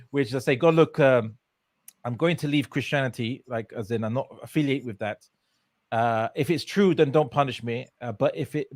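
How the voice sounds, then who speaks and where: With a medium-pitched voice and no echo in the recording, a man from England casually tells his story in an interview. He laughs often and speaks hesitantly, with plenty of fillers and restarts.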